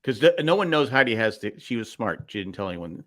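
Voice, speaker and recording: A man's voice: fairly low pitch, very animated, quick pace, fairly bright tone. A man co-hosting a casual podcast, making wry remarks and often restarting his words. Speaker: podcast co-host. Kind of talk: casual recap chat.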